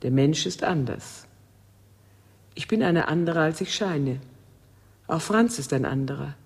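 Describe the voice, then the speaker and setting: Acting in a German radio drama, a woman voices a coolly commanding, melancholy seductress full of mystery, using a full character voice. Her deep, darkish voice is husky, breathy and expressive. She speaks slowly and deliberately with theatrical flair, her mood cool and enigmatic.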